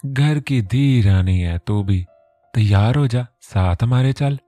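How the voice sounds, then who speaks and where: A man's voice: mid-range voice, slow, mellow, no room sound, faint music behind, lightly acted. A man voicing a scolding but affectionate middle-aged mother in a storybook reading.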